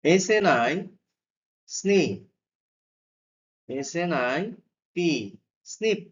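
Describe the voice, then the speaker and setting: A man teaching phonics at a very slow, patient pace. He spells each word letter by letter before sounding it out, with an even pitch that sits in the middle. The recording is dull and lo-fi. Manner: spells words letter by letter, then sounds them out. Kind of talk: spelling lesson for beginners.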